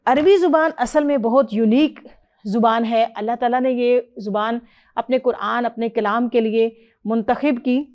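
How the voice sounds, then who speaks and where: A woman's voice: on the high side, darkish tone. Patient woman teaching letter sounds. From Pakistan. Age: middle-aged. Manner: patient, explanatory, models letter sounds clearly and praises. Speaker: Quran reading teacher. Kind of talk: teaching explanation and drill with a student.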